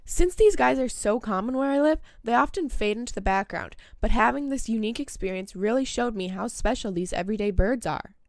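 Woman, slightly high voice, scripted nature vlog narration, host, dry recording. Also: lively intonation, fairly quick, few pauses, no echo. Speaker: host of a birdwatching video channel.

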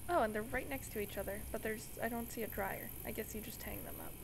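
A woman playing a video game gives casual let's-play commentary, chatting, joking, and reacting as she goes. She talks fast in a fairly high voice with vocal fry, over a noisy background.

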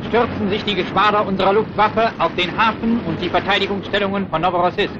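A man's voice: sits high, steady tone, a little fast. A man announcing on an old wartime newsreel, with an emphatic, declamatory propaganda delivery, heard as archival sound. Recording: muffled distant noisy old newsreel soundtrack.

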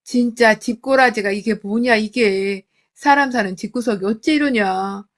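A scornful old father-in-law, voiced by a woman reading the story nags with harsh, belittling contempt. His lines come out loud and hard against the narration. The voice stays hard-edged throughout. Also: on the high side, unhurried, natural voice. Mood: scornful scolding.

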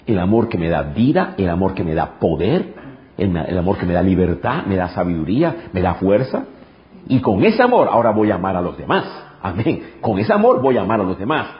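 A man's voice: sits low, very animated, a little fast. A male pastor preaching a sermon emphatically, repeating phrases and throwing rhetorical questions at the congregation. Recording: dull lo-fi recording.

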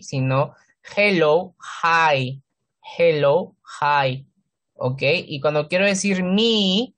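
A man teaching a children's English class, patiently correcting pronunciation and repeating words slowly. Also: on the high side, fairly bright tone.

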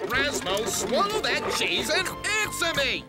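Rapido, an indignant cartoon character. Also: female voice, sits high, big pitch swings. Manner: indignant, accusing. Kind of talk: cartoon voice acting. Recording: music underneath.

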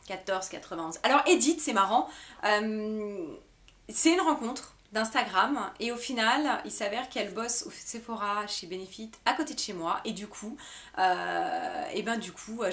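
A woman's voice: medium pitch, a bit bright. A young woman from France, a beauty vlogger chatting casually to camera and answering viewer questions, giggly and full of fillers. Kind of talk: casual FAQ chat to camera.

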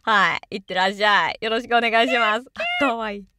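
A woman's voice: mid-range voice, fast talker, heavy background noise. A woman doing casual let's-play commentary and reading along with the game. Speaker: game streamer.

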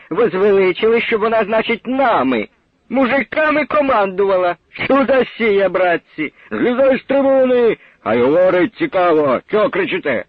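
A man's voice: sits high, dry recording, dull audio, pitched above the performer's own voice. A man voicing rowdy mocking deserters. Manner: yelling, mocking. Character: rowdy hostile deserters, men.

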